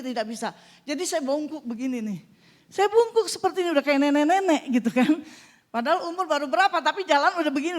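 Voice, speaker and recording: High-voiced woman preacher, animated testimony. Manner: animated storytelling with exclamations of praise. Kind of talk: sermon testimony.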